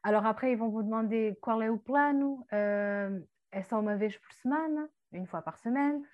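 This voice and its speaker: A woman's voice: fairly high pitch, normal speed, dull audio. Woman teaching Portuguese in French. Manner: explains with many fillers and French-Portuguese switching. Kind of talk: language lesson chat.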